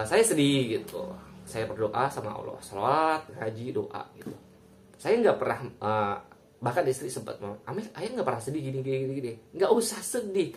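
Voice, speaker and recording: A man's voice: mid-range voice, a little hiss or hum. A young man who streams live, talking casually and personally, mixing slang with polite speech and laughing often.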